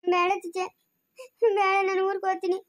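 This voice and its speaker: A woman playing a weeping young wife, very high voice. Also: little pitch movement, quick pace, a little mellow. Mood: tearful pleading. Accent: rural Chikkaballapur Kannada. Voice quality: tearful, pleading. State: crying. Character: distraught young wife of a drunkard. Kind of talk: amateur family drama acting.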